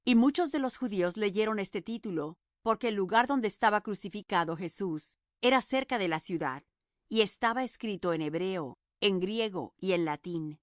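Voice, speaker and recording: Female audiobook narrator, solemn measured scripture reading, dry booth sound. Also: medium pitch, lively intonation, dry recording.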